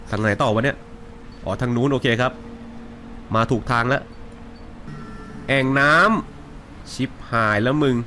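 A young man doing casual let's play commentary on a horror game, joking and swearing coarsely, with loud yelps when startled. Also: mid-range voice, steady tone, measured pace, long pauses, slight background noise. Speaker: gaming streamer.

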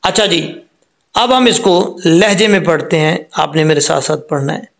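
A man teaching Quran recitation, explaining each rule patiently and then drawing the words out very slowly. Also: a little high, creaky.

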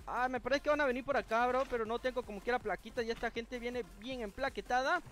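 A man's voice: extremely high pitch, fairly even intonation, fast talker, fairly bright tone. A man, chatting casually while streaming a game and reading out viewers' names. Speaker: gaming streamer. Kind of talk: casual live-stream gameplay chat. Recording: game music clearly heard behind. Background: game music.

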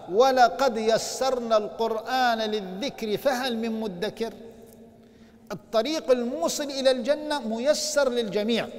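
A male professor delivers a religious lecture in an earnest teaching manner, stopping often to put rhetorical questions to his listeners. His voice sits fairly high, and he moves between formal phrasing and everyday speech. Each word trails off into the long echo of a large mosque hall. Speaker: university professor lecturing on the Prophet's biography.

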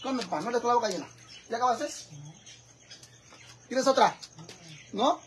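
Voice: mid-range voice, lively intonation, moderate pace, background noise. A cook with a Mexican accent chatting with viewers during a casual cooking live stream in a home kitchen, teasing and swearing freely. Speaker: cooking vlogger.

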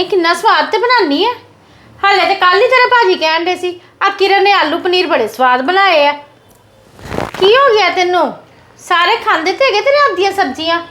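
A woman's voice: extremely high pitch, lively intonation, normal speed, fairly bright tone. A woman acting a family woman in a drama skit, coaxing and reassuring. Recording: noisy background.

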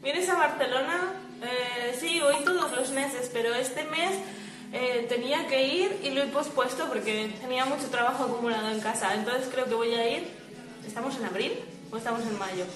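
A woman with a Spain Spanish accent hosts a casual livestream chat from home, lying in a swaying hammock and talking into her phone. She reads viewer comments and laughs often, her high-pitched voice moving at a normal speed. The room is echoey, and music plays underneath.

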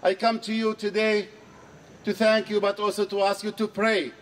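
A man's voice: sits high, little pitch movement, recorded from a distance. Earnest middle-aged man addressing an outdoor rally. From Syria. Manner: earnest, measured, repeats key phrases for emphasis. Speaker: archbishop speaking at a rally. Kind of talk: public speech at a protest. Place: outdoor square under trees. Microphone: handheld mic on a stand.

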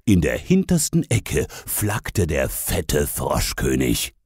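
A man's voice: a bass voice, huge pitch swings, slow, a little mellow, breathy edge, no room sound, clean studio sound. A man narrating a comic fairy-tale parody in a mocking, sarcastic tone. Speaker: storyteller.

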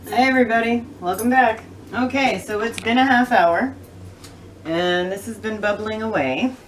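Hosting a casual home cooking show, a middle-aged woman chats through every step as she prepares food in her kitchen. She talks at normal speed in a fairly high voice. A camera mic a few feet away records her along with kitchen clatter and a faint hiss or hum.

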